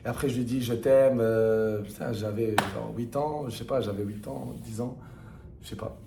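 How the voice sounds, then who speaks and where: A man's voice: on the low side, fairly even intonation, normal speed, vocal fry, noisy background. Young man in echoey room. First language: not French, learned it through video games. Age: young adult. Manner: enthusiastic, slangy, repeats himself emphatically. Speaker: gamer sharing memories. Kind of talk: casual rambling chat.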